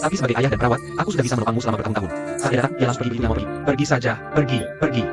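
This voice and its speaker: An indignant, stubborn grandfather, voiced by a man in a dubbed TV drama. He argues and pleads with a medium-pitched voice. Music plays clearly under the dialogue. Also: very fast, natural voice.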